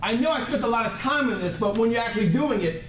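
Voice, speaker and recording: A man delivers a blunt, emphatic motivational sales training speech to a live group in an indoor training room, repeating key words for effect and frequently checking that listeners follow. His very high-pitched, fairly bright voice is expressive and fast, captured on a distant mic in an echoey room with faint noise.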